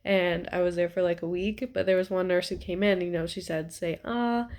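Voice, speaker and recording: A woman's voice: lowish voice, steady tone, moderate pace, darkish tone. A young woman talking casually to camera from her couch at home, chatty and rambling with lots of ums and likes, a bit stuffy-nosed. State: stuffy nose. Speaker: vlogger.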